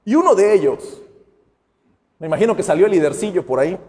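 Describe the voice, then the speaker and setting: A man's voice: high voice, expressive, fairly quick, mellow. A man preaching a sermon as pastor, with a conversational style, acting out the voices of the people he quotes. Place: church sanctuary. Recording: long church hall reverb.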